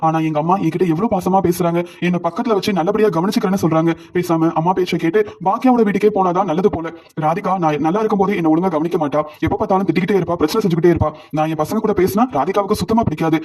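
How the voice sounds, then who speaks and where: A bitter middle-aged husband complains and reproaches his wife in a storybook recap, as a male narrator reads his lines. The voice is quick and a little high. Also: a little mellow. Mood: resentful.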